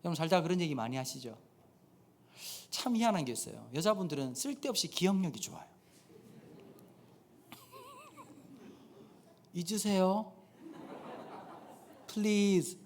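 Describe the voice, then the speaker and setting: Guy pastor cracking jokes in a sermon, fairly high voice that jumps all over the place. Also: fast, creaky, slight background noise. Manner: animated storytelling, acts out dialogue. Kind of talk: humorous sermon. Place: church sanctuary.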